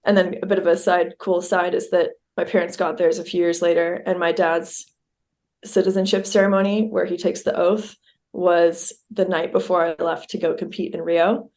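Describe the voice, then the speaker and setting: A woman's voice: on the low side, flat delivery, normal speed, a little mellow. A young adult American woman, a guest on a podcast, chatting casually with lots of ums and easy laughter. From United States. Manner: easygoing, laughs often, many ums. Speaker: podcast guest, Olympic sailor. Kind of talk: casual chat.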